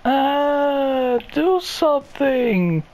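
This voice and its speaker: A man's voice: very high voice, expressive, drawn-out words, a little mellow, heavily acted. A man voicing a bratty, demanding young girlfriend in an amateur cartoon skit, whiny and indignant. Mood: indignant whining. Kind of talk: amateur animated comedy skit acting.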